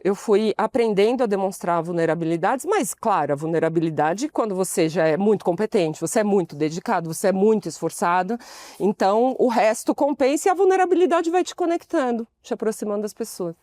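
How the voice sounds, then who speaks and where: A woman in her forties from Brazil tells stories from her working life as an interview guest. She voices the people in her stories as she goes, with a lively, personal delivery. The sound is dry and close. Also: mid-range voice, brisk, no room sound. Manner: expressive storyteller, acts out quoted dialogue. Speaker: podcast guest, consultant. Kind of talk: storytelling interview conversation.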